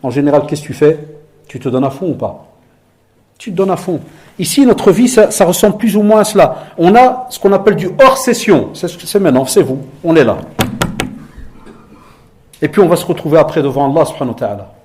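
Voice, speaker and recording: A middle-aged male preacher speaks to a congregation, mixing teaching with lively stories. His voice sits a little high yet sounds mellow and warm. He often drops to a soft hush to act out conversations. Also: a little fast, pauses often. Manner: lively storytelling, acting out dialogue in a hushed voice. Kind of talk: sermon with storytelling.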